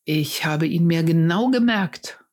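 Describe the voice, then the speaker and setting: A woman reading the part of an earnest adult male shepherd who tells his friends about an old prophecy, speaking slowly and with care. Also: deep voice, darkish tone. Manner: slow, earnest storytelling.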